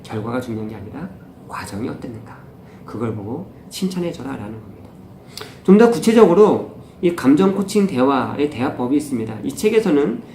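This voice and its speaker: A man hosting a parenting channel, calmly explaining points from a parenting book and repeating the key ideas. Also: medium pitch, a little fast. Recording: echoey room with faint noise.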